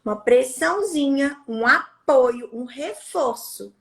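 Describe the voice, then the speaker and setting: A woman's voice: sits high, lively intonation, slow, creaky, fairly bright tone. A Brazilian woman occupational therapist in casual conversation, explaining and acting out examples. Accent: Brazilian Portuguese. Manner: demonstrative, acts out examples.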